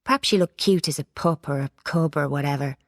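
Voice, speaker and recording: A woman's voice: low-pitched, fairly quick, no room sound, clean studio sound. Woman reading a storybook. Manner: lively character voices, plain narration. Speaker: audiobook reader. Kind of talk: storybook narration.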